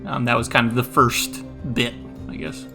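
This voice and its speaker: Bright, rambling game master. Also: medium pitch, big pitch swings, moderate pace, creaky, faint music behind. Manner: hesitant, rambling, many fillers. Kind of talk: narrating a tabletop game.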